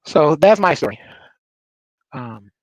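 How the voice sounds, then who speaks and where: A man's voice: on the high side, animated, takes it slowly, no room sound, low-quality recording. Emotional male panelist, storytelling, dry close sound. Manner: emotional, storytelling with quoted voices. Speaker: panel guest, father.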